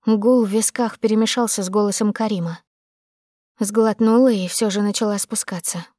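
A woman's voice: mid-range voice, fairly even intonation, moderate pace, dark tone, dry recording, studio quality. A woman narrating a tense, dramatic audiobook in the first person.

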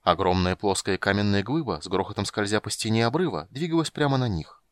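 Male audiobook narrator, fairly low voice, steady and dramatic, dry close sound. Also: fairly quick, no room sound.

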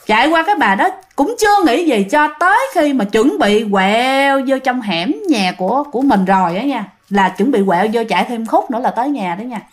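A woman's voice: a little high, expressive, fairly quick, few pauses. A woman telling ghost stories in a chatty way, often addressing listeners. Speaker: ghost story narrator. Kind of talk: storytelling to listeners.

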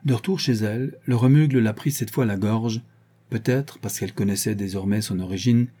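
A man narrating an audiobook in a measured storytelling manner. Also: on the low side, dark tone, slightly rough. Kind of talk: audiobook reading.

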